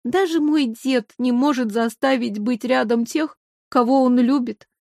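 A woman voicing a gentle, sad young princess who speaks softly. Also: high-pitched, normal speed, no echo, studio quality, natural voice. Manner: soft and gentle.

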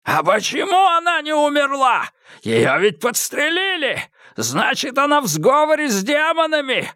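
A man's voice: extremely high pitch, huge pitch swings, unhurried, sharp tone, no room sound, clean studio sound, pitched above the performer's own voice, exaggerated voice. A man reading an audiobook and voicing a frantic, armed madman who shrieks and splutters. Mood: raving. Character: raving, frantic grown man with a weapon.

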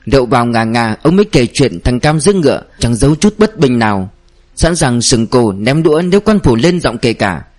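A man narrating a novel in a steady storytelling voice. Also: medium pitch, fairly quick. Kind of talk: audiobook narration.

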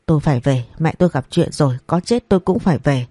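A frantic young man, injured and begging to go home to his mother, as the narrator puts him on. The tone is soft and mellow with a breathy edge. It sits in an audio story. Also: fairly high pitch, expressive, fast, dry recording, studio quality. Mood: desperate, pleading. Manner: urgent, pleading.

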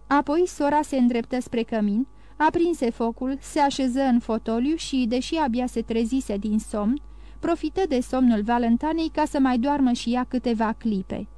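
Mellow woman reading a classic novel. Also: high-pitched, dry recording. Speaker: audiobook narrator. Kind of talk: scripted narration.

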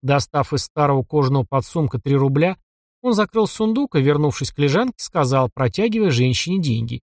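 A man narrating an audiobook in an expressive storytelling manner. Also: a little high, brisk, no room sound, studio quality. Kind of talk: scripted narration.

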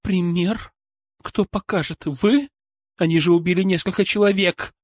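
A man's voice: sits high, moderate pace, no echo, studio quality, pitched above the performer's own voice, natural voice. A man reading an audiobook, voicing an angry, bitter woman, a former shop clerk and mother, who hurls accusations and insults. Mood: bitter, furious. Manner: harsh, accusing, shouting insults.

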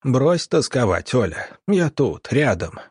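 A man's voice: medium pitch, big pitch swings, takes it slowly, darkish tone, husky, no room sound, clean studio sound, heavily acted. A man voicing a sleazy, scheming male military doctor who talks smugly and wheedles, then snarls when cornered. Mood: wheedling.

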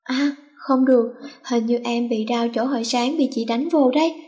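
A woman's voice: a little high, moderate pace, dark tone, close to an everyday voice. A woman voicing a cunning teenage schoolgirl who bosses her friends and plays sweet to get her way. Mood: sassy. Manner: bossy, mock-sweet when acting.

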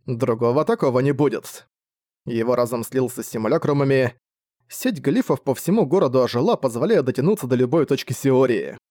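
A man narrating a fantasy audiobook in a steady, lively storytelling manner, close to the mic. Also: medium pitch, dry recording. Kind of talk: scripted narration.

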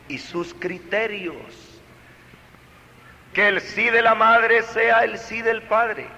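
A man preaching a sermon to families, emphatic and dramatic, with big swings from loud to soft. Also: very high-pitched, in a large hall, lo-fi sound.

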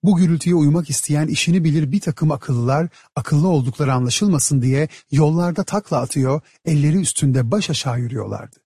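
A man narrating a satirical story as an audiobook, in a steady, measured storytelling manner. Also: medium pitch, slightly rough, no echo, clean studio sound.

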